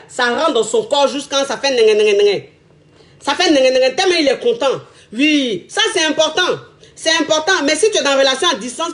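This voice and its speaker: A woman giving casual relationship advice, chatty, repeating phrases and laughing often. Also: sits high.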